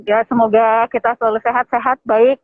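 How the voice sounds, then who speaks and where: A woman's voice: a little high, flat delivery, fairly quick, dry recording. Masked woman on a phone-like line. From Lombok, Indonesia. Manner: speaking through a face mask. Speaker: airline general manager, guest. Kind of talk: casual live interview chat. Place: at an airport. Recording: thin phone-like internet call audio.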